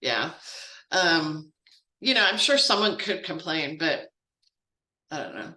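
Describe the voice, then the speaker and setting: A woman's voice: low-pitched, lively intonation, takes it slowly, sharp tone, echoey room, rough recording. A woman giving a casual, chatty training walkthrough with informal asides. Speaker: grants trainer.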